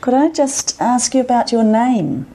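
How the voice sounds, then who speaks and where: A woman's voice: on the high side, lively intonation, unhurried, dark tone. A woman, conducting an oral history interview in someone's home. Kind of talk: gentle question-and-answer interview.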